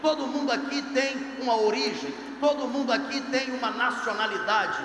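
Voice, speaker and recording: A man's voice: very high voice, moderate pace, a bit bright, slight background noise. A male pastor preaching a sermon to a youth congress in an emphatic, rising preacher's cadence. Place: large congress hall. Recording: echoey hall, faint crowd ambience.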